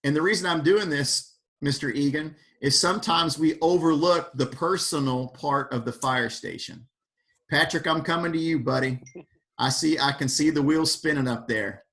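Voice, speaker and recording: A man's voice: fairly high pitch, normal speed. A man leading an online fire service workshop over a video call, speaking with energy and calling on attendees by name. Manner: animated, questions the audience by name. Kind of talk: energetic motivational talk.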